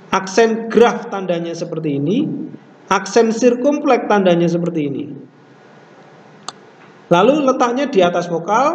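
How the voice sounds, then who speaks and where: Guy teaching class, slow careful talk, sounds far off in a roomy echoey space, kinda dull lo-fi. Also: high-pitched, a little hiss or hum. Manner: explanatory, repeats words slowly to model pronunciation. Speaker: Greek language teacher. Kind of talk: classroom lesson. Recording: echoey room, distant mic, dull lo-fi sound.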